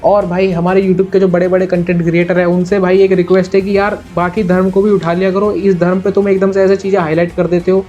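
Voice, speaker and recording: A man's voice: high-pitched, level tone, fast, hardly any pauses, dark tone, muffled recording, faint music behind. A young man hosting his own video channel, giving his opinion in a casual, earnest and chatty way, and often calling his listeners "brother". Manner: earnest, chatty, constantly says "bhai". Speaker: YouTube reaction host.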